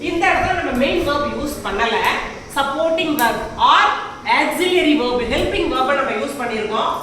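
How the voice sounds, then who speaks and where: A woman's voice: high voice, expressive, moderate pace, fairly bright tone. A woman teaching English grammar in a classroom, speaking with a Tamil accent and often stopping to ask if her students follow. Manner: explains in Tamil mixed with English, asks frequent check questions. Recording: very echoey room, voice far from mic, faint background noise.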